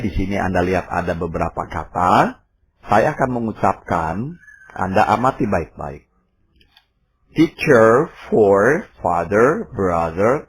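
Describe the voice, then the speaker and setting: A man, teaching an English lesson in a narrated recording, explaining step by step and saying example words slowly. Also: low voice, a little hiss or hum. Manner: explanatory, pauses with fillers, drills words slowly.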